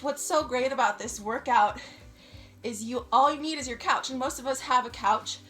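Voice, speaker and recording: Speaking at a normal pace in a high-sitting, fairly bright voice, a young woman instructs a home aerobics session while doing it herself. As the channel's host, she keeps her cues encouraging. Soft music and reverberation fill the living room, captured by a floor camera a few feet away.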